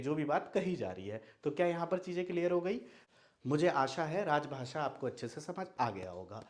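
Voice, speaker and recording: This young man comes from Madhubani in Bihar, India, and speaks Maithili as his first language. His voice is on the high side with a darkish tone, and he teaches Hindi online in an explanatory video lesson, posing questions and answering them himself.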